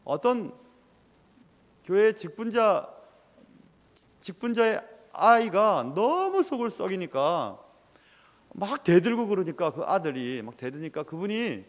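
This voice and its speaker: A man preaching a sermon as a pastor, telling stories with lively swings and dropping to a whisper at times. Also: high voice, takes it slowly, long pauses, in a large hall.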